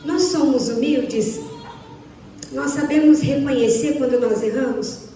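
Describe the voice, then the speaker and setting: High-voiced Brazilian woman preaching in an echoey hall. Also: unhurried, warm tone, slight background noise. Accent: Brazilian Portuguese. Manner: asks the listeners repeated questions, acts out little dialogues. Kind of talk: sermon. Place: church hall. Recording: echoey church hall, from far off.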